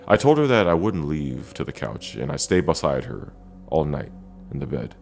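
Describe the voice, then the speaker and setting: Casting: male horror storyteller, extremely low gravelly voice, dramatic and deliberate, over faint music. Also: sing-song. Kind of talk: first-person scary story narration.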